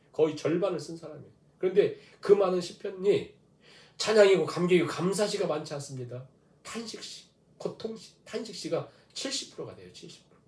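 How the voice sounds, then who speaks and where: A man's voice: sits high, darkish tone, echoey room. A man preaching a dawn prayer sermon, asking rhetorical questions and leading the congregation through scripture readings. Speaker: pastor. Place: church sanctuary.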